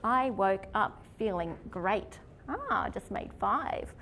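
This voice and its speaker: A woman's voice: medium pitch, expressive, slow, fairly bright tone, a little hiss or hum. A woman leading an informal literacy workshop. She keeps asking her audience questions and checking in with "okay?". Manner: chatty, asks the audience questions; lots of "okay?" and "isn't it?" checks. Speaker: literacy teacher.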